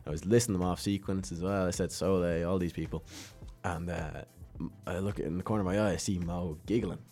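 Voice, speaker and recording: Deep-voiced young man telling a story. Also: quick pace, soft background music. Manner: animated, acts out other people's voices in quotes. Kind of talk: casual storytelling.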